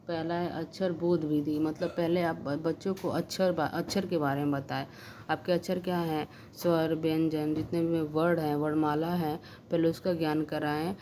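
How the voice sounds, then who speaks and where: A woman's voice: deep voice, mellow. A woman teaching an exam-prep lesson, explaining step by step with frequent fillers and restarts. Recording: noisy background hiss.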